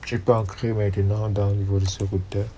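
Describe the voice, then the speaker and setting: This screen-recorded walkthrough features a networking instructor who has a cold, reading out each command as he types and spelling out the numbers. His voice is on the low side and mellow, with a level tone and quick pace, and there's slight background noise.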